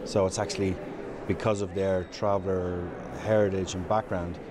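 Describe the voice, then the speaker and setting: A man with a deep voice explains himself haltingly in a news interview. There is clear background noise around him. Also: little pitch movement.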